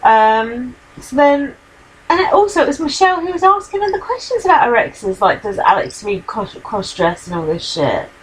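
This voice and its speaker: A woman with a slightly high voice talks through a reality-show recap in loose, chatty podcast form. She swears freely and laughs often. She is recorded at home. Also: big pitch swings, normal speed, slightly rough, low-quality recording. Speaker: podcast co-host. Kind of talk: casual chat. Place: home, with a cat.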